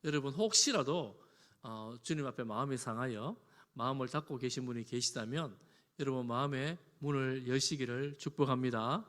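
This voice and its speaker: A man, a pastor, preaching a sermon. He moves from loud emphasis to soft, conversational asides with homely examples. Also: mid-range voice, normal speed. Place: church sanctuary. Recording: long reverb of a church hall.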